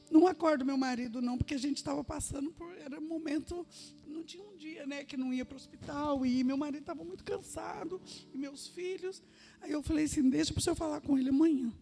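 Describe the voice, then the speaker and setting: Woman giving church testimony, high gravelly voice, earnest storyteller. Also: warm tone. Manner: earnest storytelling, quoting others in her own voice. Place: church sanctuary.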